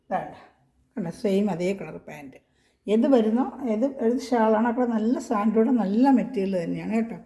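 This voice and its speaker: A woman from Kerala, an online clothing seller, chatting through a casual product showcase at home, speaking as loudly as she can and checking in with listeners again and again. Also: medium pitch, normal speed, echoey room. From Kerala, India. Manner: chatty, reassuring, repeats tag questions.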